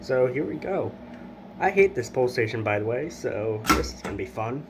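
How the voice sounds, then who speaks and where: A hobbyist video host chats casually while demonstrating hobby equipment indoors beside a plywood test board, filmed on a handheld camera. His medium-pitched voice is very animated at a normal pace, with heavy background noise.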